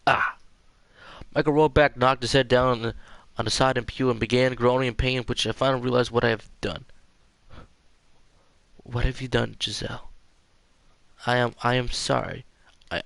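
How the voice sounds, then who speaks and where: A man's voice: medium pitch, fairly even intonation, normal speed, gravelly, pauses often, a bit bright, dry recording. A man reading a visual novel aloud for a let's-play, stumbling and repeating words as he goes. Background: game music.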